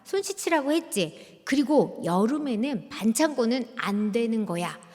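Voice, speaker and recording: A woman's voice: a little high, expressive, unhurried, a little mellow, big-room sound. A nagging, scolding mother, as a woman lecturer acts her out. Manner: scolding, threatening, raised voice.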